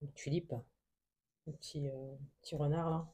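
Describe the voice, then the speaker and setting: A woman vlogger showing a book haul in casual show-and-tell, soft and hesitant, full of fillers and gushing over every little picture. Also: sits low, steady tone, moderate pace, background noise. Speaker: craft vlogger.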